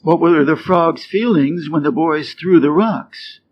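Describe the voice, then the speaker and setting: Reading scripted storybook fables and quiz items to English learners, a Midwestern teacher from Wisconsin speaks in a voice that is a little high. He is slow, clear and deliberate, and his tone climbs on the answer choices. The sound quality is dull and lo-fi, with faint noise.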